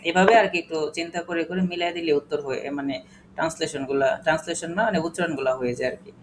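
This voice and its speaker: A man's voice: on the high side, fairly even intonation, quick pace, background noise. A man teaching an English class, patiently spelling words letter by letter and quizzing his students. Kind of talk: classroom lesson.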